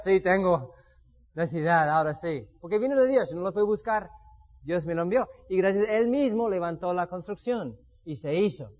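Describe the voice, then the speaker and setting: A man's voice: high-pitched, dull audio. A man giving a sermon with personal testimony, telling stories and acting out what he once said. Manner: storytelling, acts out his own past words. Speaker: preacher.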